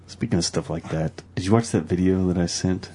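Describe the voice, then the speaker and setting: A man's voice: fairly quick, noisy background. A man co-hosting a podcast, joking in casual crude banter in a laid-back way. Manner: laid-back and joking, bursts into high laughs. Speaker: podcast co-host.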